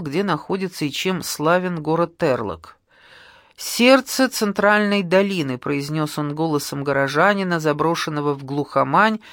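An audiobook narrator reading a novel in a calm, measured way. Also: mid-range voice, no echo, studio quality. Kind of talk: scripted narration.

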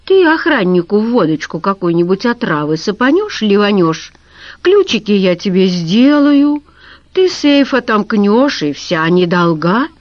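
Sarcastic middle-aged businessman, voiced by a woman, cold, cutting, slow, dull lo-fi. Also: medium pitch, very animated, no echo. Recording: dull lo-fi recording.

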